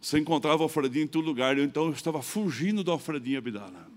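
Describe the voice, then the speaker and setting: Animated Brazilian pastor telling a story. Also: male voice, fairly high pitch, racing. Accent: Brazilian Portuguese. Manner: animated storytelling, acting out both sides of dialogue, building to loud preaching. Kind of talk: sermon with personal story. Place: church.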